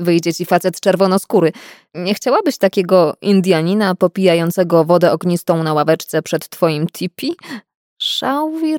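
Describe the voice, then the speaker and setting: Woman doing a loud teasing male doctor. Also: on the low side, no room sound, clean studio sound. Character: mocking young male doctor, a teasing prankster.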